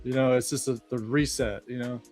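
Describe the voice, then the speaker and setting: A man's voice: mid-range voice, fairly even intonation, a little fast, darkish tone, faint music behind. A man chiming in with brief, easygoing remarks on a casual livestream chat.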